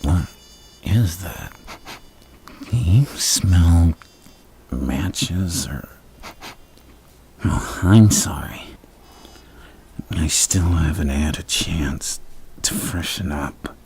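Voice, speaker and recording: The Joker, very deep gravelly villain. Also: male voice, animated, darkish tone, heavily acted. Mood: creepy, flirtatious. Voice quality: gravelly, breathy, often dropping to a whisper. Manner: halting, theatrical, menacingly courteous. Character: the Joker, deranged lovestruck male supervillain on a date. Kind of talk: ASMR villain roleplay.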